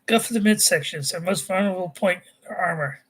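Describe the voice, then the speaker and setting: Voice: mid-range voice, quick pace, a bit bright, slightly rough, pitched above the performer's own voice. A reader voicing a protective, commanding warrior mother who gives firm instructions.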